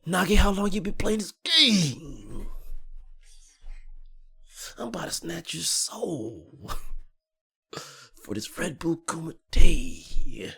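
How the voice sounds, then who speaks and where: A man's voice: on the high side, very animated, gravelly, pushed and bright, husky, heavily acted. A man doing a gloating, smug hulking fighter. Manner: smug, drawn-out taunts. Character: gloating hulking male fighter taunting his foe.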